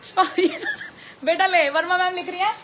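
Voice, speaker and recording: A woman with a high, bright voice and a Delhi accent hosts a live clothing sale, chatting and repeating her prices. Faint noise from the shop is heard behind her. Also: measured pace. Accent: Delhi Hindi with English mixed in. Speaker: clothing store owner selling live. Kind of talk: live sales stream.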